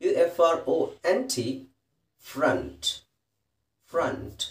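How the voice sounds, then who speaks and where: A man teaching English pronunciation, spelling each word letter by letter and explaining in a calm, patient way. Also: a little high, slow pace. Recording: roomy echo, distant from the mic.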